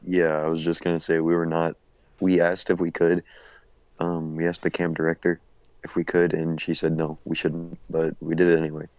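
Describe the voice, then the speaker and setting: A young man with a very low voice adding details to a shared story, full of casual fillers. His sound is dry and close, with no room around it. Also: completely flat delivery, normal speed, darkish tone, no echo, highs cut off. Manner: chiming in, filler-heavy, adds details. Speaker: storytelling show co-host.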